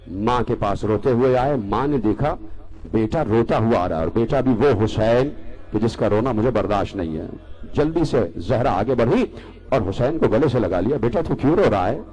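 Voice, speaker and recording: A man's voice: medium pitch, animated, a little mellow, breathy edge, poor audio. Impassioned man preaching a mourning sermon. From Pakistan. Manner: repeats phrases for emphasis. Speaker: Shia cleric.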